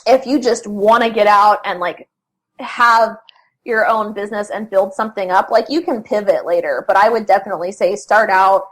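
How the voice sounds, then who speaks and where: A woman's voice: mid-range voice, fairly even intonation, moderate pace, fairly bright tone. A young adult woman talking as an interview guest about freelance writing, chatty, with lots of fillers and restarts. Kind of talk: casual conversational interview.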